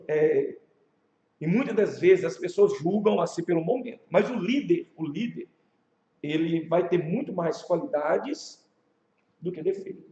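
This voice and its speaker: In a church classroom, a high-pitched man with a Brazilian Portuguese accent, a pastor, leads a leadership class through lively, casual storytelling. He tosses rhetorical questions at his students, and the recording is muffled with a noticeable echo.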